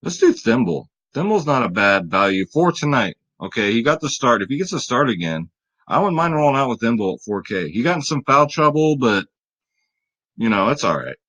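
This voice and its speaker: A man's voice: medium pitch, very animated, brisk, a bit bright, poor audio. Chatty tired man hosting sports picks. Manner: chatty, hype-building, talks straight to viewers. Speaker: fantasy sports picks host. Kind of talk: casual video commentary.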